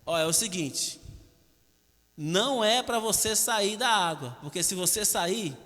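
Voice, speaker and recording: A man voicing patient, caring water that warns a little fish, speaking gently with a Brazilian accent. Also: high voice, lively intonation, a little slow, heavily acted. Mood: pleading. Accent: Brazilian Portuguese. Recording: long church hall reverb.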